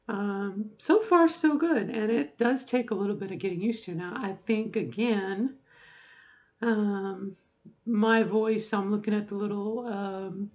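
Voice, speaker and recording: Woman, 40s, casual vlog advice, self-correcting and rambling, mid pitch, slightly muffled recording. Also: darkish tone. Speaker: vlogger.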